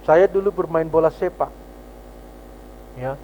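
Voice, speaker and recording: A man with a Sabah Malay accent preaches in a church through a microphone, his voice sitting a little high for a man. He acts out small scenes with quick changes of voice and laughs often. A faint hum stays under the recording. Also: dark tone, dull audio. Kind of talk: sermon.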